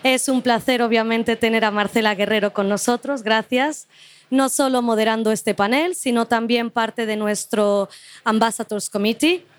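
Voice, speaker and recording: A woman's voice: fairly high pitch, steady tone, normal speed, clean tone. A woman hosting a live panel at an art fair, reading a formal introduction of the guests with small stumbles. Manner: formal, reads names and titles with small stumbles. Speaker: host and fair curatorial director.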